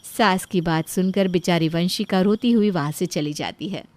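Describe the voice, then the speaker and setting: A woman narrating a family story in a calm storytelling tone. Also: lowish voice, normal speed, dry recording. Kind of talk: scripted narration.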